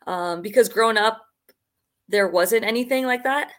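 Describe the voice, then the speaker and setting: A woman's voice: a little high, moderate pace. A young woman from Canada, a podcast guest, answering casually over a video call with lots of "um" and "like". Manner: loose, many fillers like "um" and "like". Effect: remote guest audio over a video call connection.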